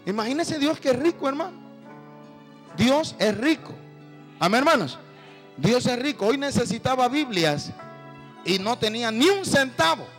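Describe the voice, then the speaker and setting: A man's voice: very high-pitched, big pitch swings, moderate pace, long pauses, fairly bright tone, faint music behind, low-quality recording. A middle-aged male preacher giving a sermon, telling stories and calling out to the congregation as brothers. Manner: storytelling, addresses the congregation as brothers.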